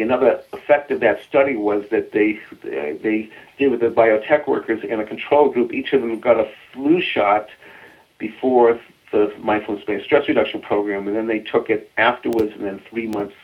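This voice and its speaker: A man with a Boston accent, a guest explaining mindfulness research in a radio interview, earnest, often repeating words as he starts a sentence. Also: on the low side. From Boston area, US. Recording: tinny phone line.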